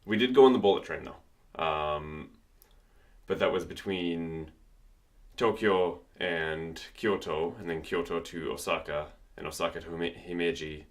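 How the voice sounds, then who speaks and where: A deep-voiced man, speaking a little slowly, offers casual commentary on a livestream of his music production. He's in a home studio, thinking aloud as he works while a keyboard is typed on behind him.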